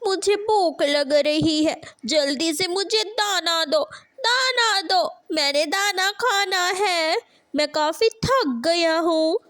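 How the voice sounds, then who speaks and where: A woman's voice: very high voice, takes it slowly, few pauses, no echo, clean studio sound, pitched above the performer's own voice. A woman voicing a lazy, greedy little boy crow who whines and begs for food in a cartoon. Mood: whiny. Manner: whining, begging for food.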